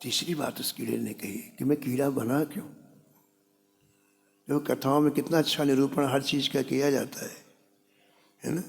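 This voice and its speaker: A man's voice: mid-range voice, fairly even intonation, normal speed, vocal fry, pauses often. A man preaching a sermon, telling a devotional story and briefly acting out the characters' lines. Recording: long hall reverb.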